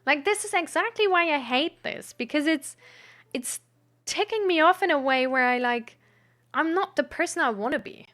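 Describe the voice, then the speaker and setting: A woman's voice: sits high, lively intonation, moderate pace, a bit bright. A young woman streamer telling a personal story in a candid, rambling way, full of "like", restarts and nervous laughs. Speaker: streamer hosting a mental health talk.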